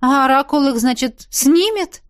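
Sarcastic young heroine, exasperated and sharp, pitched up high, lively swings, as a woman reads her. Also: normal speed. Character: fiery young woman heroine, quick to anger.

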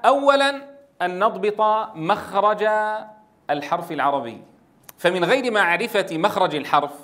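A man from Syria giving a lecture on Quran recitation, acting out different pronunciations and often checking with his listeners. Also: sits high. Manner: animated, demonstrates pronunciations and recitation, asks the audience. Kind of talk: classroom lecture.

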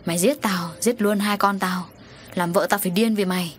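A woman's voice: medium pitch, fairly even intonation, normal speed, a little hiss or hum, close to an everyday voice. A woman voicing the bitter, accusing ghost of a murdered man in an audio story, over faint music.

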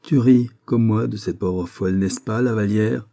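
A man voicing a mocking young lady-in-waiting, telling her tale with ironic, lively emphasis. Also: lowish voice, moderate pace, vocal fry. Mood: teasing.

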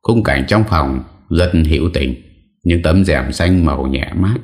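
A man narrating a ghost story in a steady, measured reading voice. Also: rumbling low.

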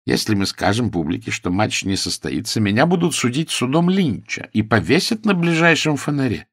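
A man's voice: mid-range voice, sing-song, normal speed, creaky, a bit bright, slightly rough, no room sound, clean studio sound, full character voice. A man playing a frantic, pleading fight manager. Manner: pleading, wailing, overwrought. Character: excitable, fussy middle-aged fight manager.

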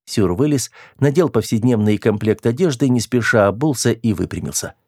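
Male audiobook narrator, steady and even, dry close recording. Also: mid-range voice, moderate pace, breathy edge, no room sound.

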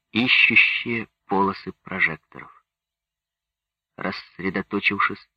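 A man narrates a book in a slow, even manner. His voice is husky and on the low side. The recording is dry and dull, as on a lo-fi audiobook. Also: dry recording. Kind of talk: scripted narration.

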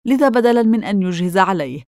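A woman narrating a children's storybook in a steady, expressive way. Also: mid-range voice, quick pace, no room sound, studio quality. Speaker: audiobook narrator.

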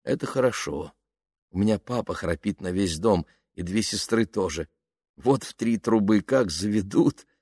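A man reading an audiobook, voicing a playful nineteen-year-old female student who talks softly and coaxingly. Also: lowish voice, animated, normal speed, husky, dry recording, studio quality.

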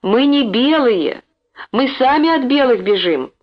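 A woman's voice: a little high, expressive, moderate pace, pitched above the performer's own voice, lightly acted. A woman voicing a polite woman teacher and mother who pleads in a raised voice, in a dull lo-fi recording. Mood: pleading.

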